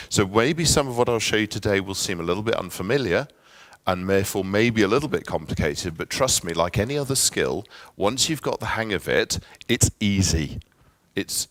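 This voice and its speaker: A middle-aged man from England presents a conference workshop in a friendly, chatty way, with asides and filler ums in his English accent. His voice is low but fairly bright in tone, and the recording is dry.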